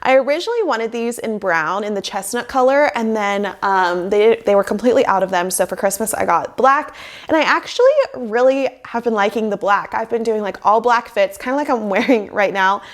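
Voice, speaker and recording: A lifestyle vlogger in her twenties chats upbeat to camera in a small bedroom office, sounding nasal from a cold and filling her speech with "like." Her voice sits on the high side and runs a little fast, recorded on a lapel mic plugged into a phone.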